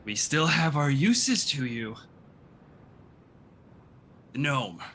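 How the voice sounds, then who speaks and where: A man puts on a cornered goblin in a tabletop fantasy game. He is a wheedling bargainer with a bright, forward voice, over faint music. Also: fairly high pitch, big pitch swings, very slow, voice pushed up, full character voice. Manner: pleading, wheedling. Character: cornered male goblin bargaining for his life.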